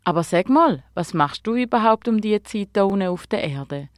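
A woman's voice: mid-range voice, lively intonation, moderate pace, no room sound, studio quality, lightly acted. A woman voicing a curious, helpful young girl who asks eager, wondering questions in a storybook tale.

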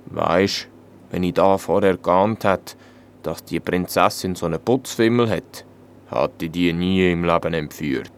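A man voicing a big, grumpy but meek dragon in a deep, slow, plaintive voice. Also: fairly even intonation, slight background noise. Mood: grumbling.

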